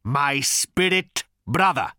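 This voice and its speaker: A bitter, vengeful male creature, as an audiobook reader puts him on, drawls each word slowly and with menace. His tone is bright and lively yet hisses with contempt, and the sound is close and dry. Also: a little high, dry recording, pitched above the performer's own voice, heavily acted. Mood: brooding, sardonic. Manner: slow, hissing, drawn-out menace. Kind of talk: audiobook character reading.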